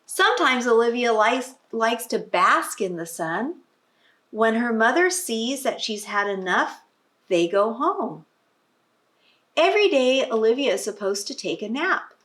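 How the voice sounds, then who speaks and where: A woman's voice: on the high side, big pitch swings, a little slow, a bit bright. A woman reading a picture book aloud to young children, teacher-style, with explanatory asides and prompting questions. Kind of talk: expressive storybook read-aloud with asides to children.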